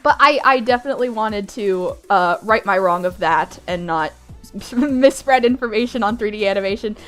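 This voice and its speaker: A woman's voice: medium pitch, moderate pace, a bit bright, faint music behind. A young woman streamer with a groggy morning voice, chatting casually, bubbly and giggly, repeating her phrases as she greets viewers. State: groggy morning voice, just woke up. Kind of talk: casual live-stream chat.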